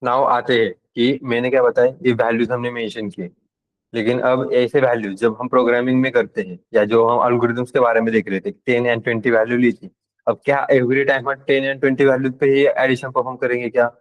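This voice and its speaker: A man leads a live programming lesson. He speaks at a middling pitch and addresses his students casually and directly, checking whether they are keeping up. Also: level tone, fairly quick, highs cut off. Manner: casual and direct with students, switching between Hindi and English terms. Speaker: programming instructor. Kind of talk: live classroom lecture.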